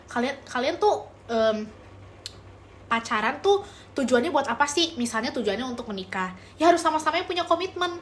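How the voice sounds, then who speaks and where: Hosting a relaxed livestream, this young woman speaks briskly in a high-pitched voice with lively intonation, over slight background noise. She responds to chat with relationship advice, warmly using pet names for viewers and slipping in English phrases.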